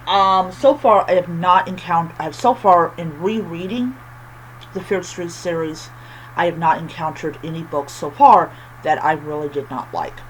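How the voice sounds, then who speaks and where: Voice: medium pitch, rough recording. Casual book review voice, lispy whistly s, lots of ums and repeats, bit of background noise. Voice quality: lisp from missing teeth, whistling s. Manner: halting, frequent ums and repeated phrases.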